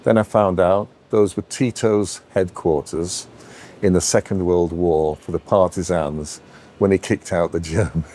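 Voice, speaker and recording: Middle-aged man, very low voice, lively anecdotal interviewee. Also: measured pace, slight background noise. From Yorkshire, England. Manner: animated anecdotal storyteller. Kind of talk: storytelling interview.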